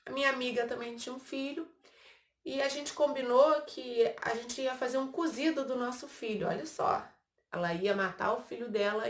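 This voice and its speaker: Brazilian woman telling a Bible story to kids, echoey. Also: fairly high pitch. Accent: Brazilian Portuguese. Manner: storytelling with acted quotes, frequent asides to the kids. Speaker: children's Sunday school teacher. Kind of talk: Bible story lesson for children. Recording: echoey room.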